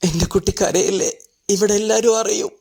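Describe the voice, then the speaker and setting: A woman's voice: medium pitch, fairly even intonation, brisk, creaky, mellow, husky. An actress playing an elderly mother over 60, tender and pleading in a family drama. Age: older. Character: old woman, sorrowful tender mother. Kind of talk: Malayalam family drama acting.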